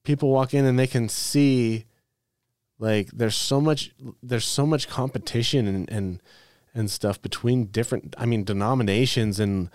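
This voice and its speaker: A man's voice: mid-range voice, steady tone, normal speed, a little mellow, dry recording, clean studio sound. A man co-hosting a casual podcast chat, blunt and irreverent, often restarting his sentences.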